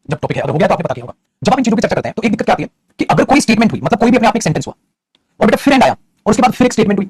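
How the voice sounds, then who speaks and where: A man teaching English grammar in a lecture. He explains fast, calls his students "beta" and keeps asking if they follow. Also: high-pitched, husky, dry recording. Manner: rapid and explanatory, addresses students as "beta", often asks "theek hai?". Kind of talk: classroom lecture in Hindi mixed with English.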